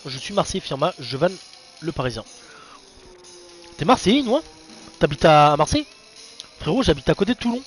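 A young man giving casual, excitable live commentary on an online racing league, chatting to his viewers in a slangy, informal way. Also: a little high, a little fast, pauses often, soft background music. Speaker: race commentator and streamer.

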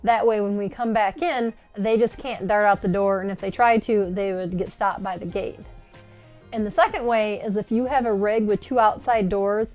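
A woman in her forties talks in a chatty, animated way as she walks through practical tips, her voice mid-pitched. She sits at a table inside an RV, and faint music plays softly underneath. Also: moderate pace. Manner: chatty and animated, gesturing while explaining. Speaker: RV lifestyle vlogger. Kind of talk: casual instructional vlog. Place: inside an RV, seated at a table by a window.

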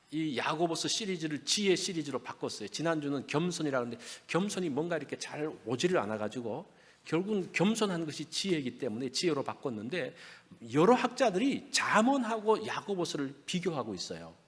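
A man's voice: a little high, very animated, a little fast, breathy edge. A male pastor preaching a Sunday sermon in a church, conversational and asking his listeners questions. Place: church sanctuary. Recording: long reverb of a church hall.

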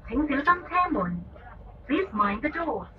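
A woman giving a recorded onboard train loudspeaker announcement in a measured, formal way. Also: high-pitched, big pitch swings. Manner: measured, evenly paced, formal. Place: inside a light rail train. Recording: distant echoey lo-fi loudspeaker in a noisy train car. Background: train running noise.

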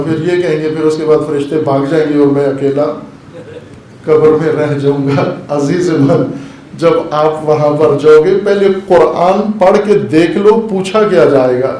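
A man's voice: on the high side, warm tone. Man preaching in a very echoey hall. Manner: storytelling with rising emphasis. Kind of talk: sermon. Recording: very echoey hall, faint ambience.

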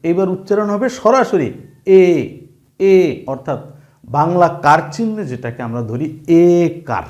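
A man's voice: a little high, big pitch swings, normal speed, highs cut off. A man teaching pronunciation in an online class, repeating each sound and checking the listener follows. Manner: repeats sounds and rules, asks the listener questions. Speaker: Bengali language teacher. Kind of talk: online spelling and pronunciation lesson.

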